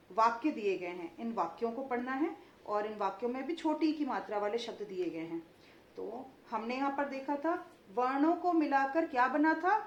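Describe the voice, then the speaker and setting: A woman teaching children Hindi vowel signs, breaking words into syllables slowly and clearly. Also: on the high side, highs cut off. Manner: slow, syllable-by-syllable pronunciation for children. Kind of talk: children's phonics lesson. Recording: echoey room with faint ambient noise.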